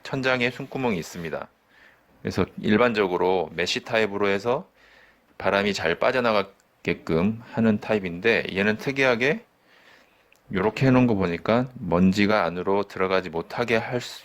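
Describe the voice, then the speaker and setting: A man who runs a computer shop, casually walking through a PC case build with plain, informal talk and fillers. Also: lowish voice. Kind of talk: casual hands-on product walkthrough.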